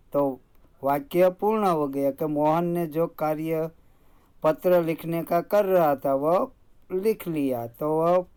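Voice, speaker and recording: A teacher giving a slow, step-by-step grammar lesson, pausing often while explaining. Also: medium pitch, darkish tone, smooth.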